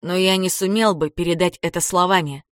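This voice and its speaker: A wistful young man who speaks in a quiet, restrained way, as a woman reader puts him on. The voice stays fairly low. The sound is dry and close. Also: steady tone, a little fast, dry recording, natural voice. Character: young man, the wistful first-person hero.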